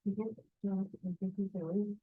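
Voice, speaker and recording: A woman's voice: mid-range voice, fairly even intonation, unhurried, echoey room, narrow, tinny audio. A woman, a researcher, telling a chatty anecdote during a class with asides. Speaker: researcher and faculty member.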